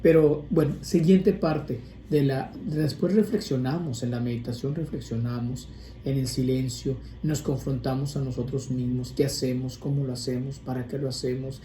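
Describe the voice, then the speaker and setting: A man's voice: mid-range voice, fairly even intonation, normal speed, mellow. A male priest giving an informal, conversational sermon on prayer, often restarting and adding asides. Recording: echoey room with faint ambient noise.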